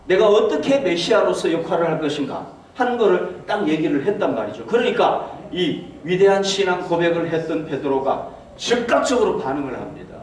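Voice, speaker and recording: A male pastor preaches in a high, animated voice that swings widely in pitch. He keeps asking his congregation rhetorical questions. He is heard from some distance, and the church hall rings with heavy echo. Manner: acts out quoted speech in a raised voice. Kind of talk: sermon. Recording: very echoey hall, mic far off.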